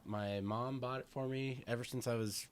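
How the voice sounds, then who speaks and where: A young American man as a podcast guest, easygoing and halting, with fillers as he talks. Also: medium pitch, fairly even intonation, slight background noise. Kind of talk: casual chat.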